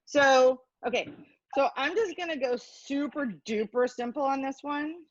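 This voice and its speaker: Here the cooking instructor's high voice moves a little slowly as she jokes at her own expense and chats through each step of her hands-on lesson. There's no room sound, and the quality is lo-fi.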